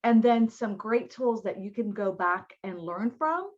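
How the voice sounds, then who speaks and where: A woman's voice: medium pitch, animated, unhurried, highs cut off. A woman with a Southern American accent, born in New York City and raised in Miami, giving a live online diversity training in a chatty, folksy way that speaks straight to her audience.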